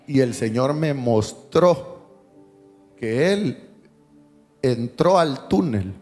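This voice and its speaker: A male pastor preaching a sermon, telling a personal story with jokes and dropping to a hushed tone for emotional moments. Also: mid-range voice, animated, extremely slow. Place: church sanctuary. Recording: long hall reverb, faint music behind.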